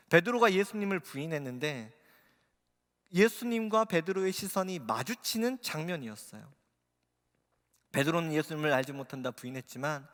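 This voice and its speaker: A man's voice: on the high side, a bit bright. A male pastor preaching a sermon, telling a personal story with growing emotional intensity. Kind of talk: sermon testimony. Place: church sanctuary. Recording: long reverb of a church hall.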